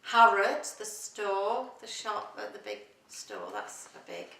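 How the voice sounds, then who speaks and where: A woman's voice: mid-range voice, big pitch swings, takes it slowly, vocal fry. A middle-aged woman from Yorkshire with a Yorkshire accent, chatting casually in an interview and often searching for words. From Doncaster, Yorkshire, England. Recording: roomy sound from a distance, faint noise.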